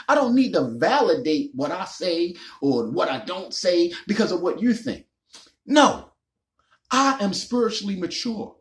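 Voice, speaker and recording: A man, talking straight into the camera with emphatic, preachy conviction. His voice sits a little high and swings widely up and down as he drives his points home. He keeps circling back to the same ideas and tags lines with "man.". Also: fairly bright tone. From Baltimore, Maryland. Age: 40s. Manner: emphatic, repetitive, preachy, slangy with "man" asides. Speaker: recovery vlogger. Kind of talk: casual motivational monologue.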